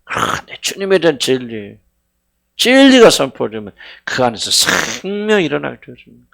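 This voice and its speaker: A middle-aged man preaching a sermon as senior pastor, fervent, swinging between loud cries and hushed words, questioning his congregation. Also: fairly high pitch, very animated, normal speed, vocal fry. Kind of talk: sermon at a Friday prayer meeting.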